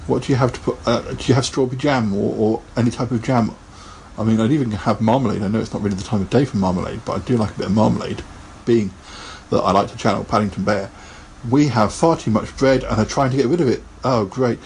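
A man's voice: fairly low pitch, quick pace, gravelly, hardly any pauses, darkish tone, a little hiss or hum. A man hosting a casual live podcast, chatting in a rambling way and laughing often. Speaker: podcast host.

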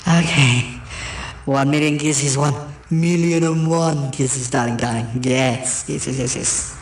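A man's voice: medium pitch, steady tone, slow, slight background noise. A pompous theatrical grande dame, put on by a man, gushing and grand with a fondness for "darling." She dispenses advice with lofty confidence. The sound is roomy and echoey. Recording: roomy echo.

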